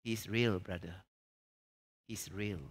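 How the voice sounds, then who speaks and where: A man's voice: on the low side, fairly even intonation, slow. A middle-aged man preaches a conversational revival sermon, emphatically, with repeated phrases and rhetorical questions. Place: church stage, indoors.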